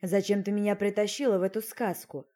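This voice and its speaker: A woman's voice: medium pitch, little pitch movement, fairly quick, dark tone, natural voice. A woman voicing a spiteful young man turned into a frog, snapping and sarcastic.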